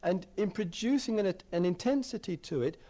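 Reflective male meditation teacher, lively pitch. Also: normal speed. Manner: reflective, repeats phrases while searching for words. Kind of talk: dharma talk at a retreat.

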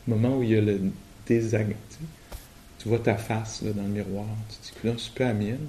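A man with a Québécois French accent giving a relaxed, colloquial and humorous meditation talk at a retreat, often laughing. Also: on the low side, fairly quick, a little hiss or hum. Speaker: meditation teacher. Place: retreat hall.

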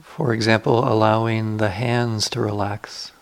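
In a lowish, gravelly voice with flat delivery, a male teacher leads a guided meditation. His instructions are gentle and unrushed, with long gaps between them.

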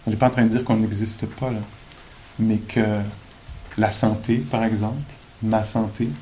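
A man giving a dharma talk at a meditation retreat, thoughtful and gently joking, pausing often with fillers. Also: lowish voice, little pitch movement, slight background noise, rough recording. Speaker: meditation teacher.

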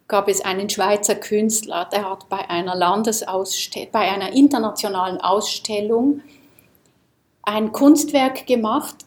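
A woman from Switzerland giving a calm, reflective Dharma talk to a group in a seminar room, often asking her listeners questions. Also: mid-range voice. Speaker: meditation teacher.

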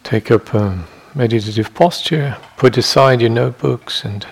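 A man leads a guided meditation in a meditation hall, his husky, gravelly, mid-range voice delivering measured short phrases separated by long pauses.

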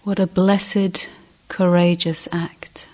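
Her voice lowish and her tone level, a woman leads a guided meditation as its teacher. She keeps it soft and breathy, offering brief, measured phrases with long silences between, frequently close to a whisper.

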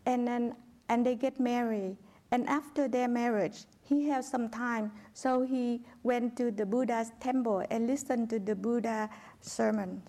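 Slow, high-voiced woman interpreting. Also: fairly even intonation, warm tone. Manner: hesitant, searching for words. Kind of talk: consecutive interpretation of a dharma talk.

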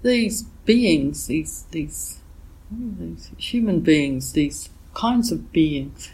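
A woman meditation teacher giving a dharma talk while she has a cold, reflective and gently searching for her words. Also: low-pitched, animated, slightly rough, poor audio. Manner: reflective, unhurried, gently searching for words with frequent "yeah" and "you know". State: has a cold, voice a bit thick.

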